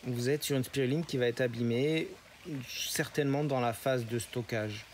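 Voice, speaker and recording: A man's voice: medium pitch, moderate pace. A man who farms spirulina, patiently explaining his process step by step in an interview. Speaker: spirulina farmer. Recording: noisy ambient background.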